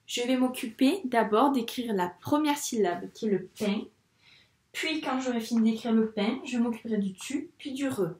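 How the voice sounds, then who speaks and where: A woman's voice: fairly high pitch, normal speed, darkish tone. A woman teaching a lesson for young children, patient and encouraging, spelling out each step. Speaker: primary school teacher. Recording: echoey room.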